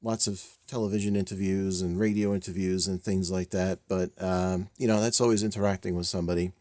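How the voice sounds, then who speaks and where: A man with a lowish, mellow voice talks through a model kit build in a relaxed, rambling way, full of fillers and small laughs. His delivery is a touch stiff, almost robotic. The sound is dry and close, with no room echo. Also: fairly quick. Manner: rambling, self-deprecating, many fillers and chuckles. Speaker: scale model builder and channel host. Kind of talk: casual build video narration.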